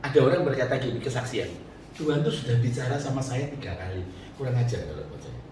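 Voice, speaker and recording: A male pastor delivers a sermon, joking and checking in with the congregation. His voice swings widely in pitch. It is picked up from a distance in a very echoey church hall with faint background noise. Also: quick pace. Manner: lively, joking, asks the congregation questions.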